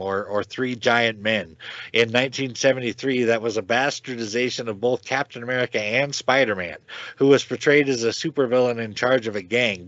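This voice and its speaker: A man's voice: mid-range voice, fairly bright tone, no room sound, lo-fi sound. A man co-hosting a podcast, talking casually and with strong opinions, often repeating a word as he goes. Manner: chatty, opinionated, repeats words while talking. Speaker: podcast co-host.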